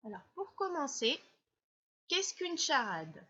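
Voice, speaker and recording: Woman teacher, from France, slow patient explanations, bright voice, slightly dull recording. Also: high voice, very animated. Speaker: primary school teacher. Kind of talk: classroom explanation.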